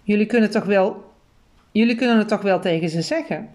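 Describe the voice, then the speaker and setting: A woman reading as a stern but kindly grown man in a storybook, pressing two children with doubtful questions. His voice sits at an ordinary middle pitch, close to the reader's own, with a probing, questioning manner. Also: a little fast, darkish tone, lightly acted.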